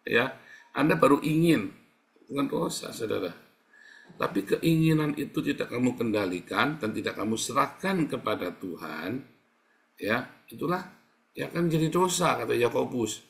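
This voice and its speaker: A male pastor preaching in casual, conversational style, asking rhetorical questions and answering them himself, swinging between loud emphatic peaks and quiet asides. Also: mid-range voice, expressive, moderate pace, creaky, pauses often. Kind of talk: sermon.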